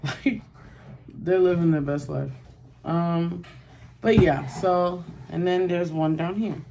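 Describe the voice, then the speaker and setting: A woman's voice: fairly low pitch, slow pace, creaky, warm tone, slight background noise. A young woman chatting casually to camera in a home vlog, rambling with lots of "like" and "um.". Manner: chatty, rambling, many "like" and "um" fillers. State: out of breath, rushed. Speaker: vlogger.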